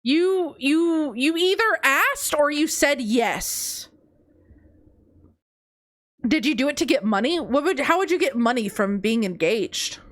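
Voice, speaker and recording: Taking her time with lively intonation and a fairly bright tone, a woman streamer with a blocked nose reads viewer confessions aloud. She's teasing and playful, laughing frequently as she shifts between high squeals and low muttering.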